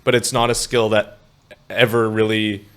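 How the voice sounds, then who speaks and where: A man's voice: fairly low pitch, flat delivery, a bit bright. Thoughtful young man co-host. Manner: thoughtful, measured. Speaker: podcast co-host. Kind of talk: casual chat.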